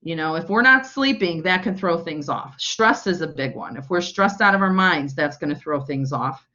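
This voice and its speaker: A woman's voice: sits low, animated, moderate pace, pushed and bright. A woman teaching a college nutrition class online, talking in a loose conversational way with lots of fillers. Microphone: video call mic. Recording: muffled lo-fi video call audio.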